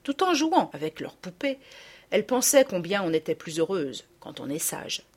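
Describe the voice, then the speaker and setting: A woman reading a classic children's story aloud with expressive, dramatic delivery. Her pitch rises and falls in a lively, animated way through the narration. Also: normal speed, slightly rough.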